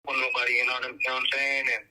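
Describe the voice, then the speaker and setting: A young man speaks over a prison phone line, his voice coming through with steady hiss and clicks. He talks in halting, casual bursts, restarting sentences and leaning on "you know what I mean." His pitch sits in an ordinary middle range. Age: young adult. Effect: calling in over a prison phone. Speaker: incarcerated rapper being interviewed. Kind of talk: casual interview answers.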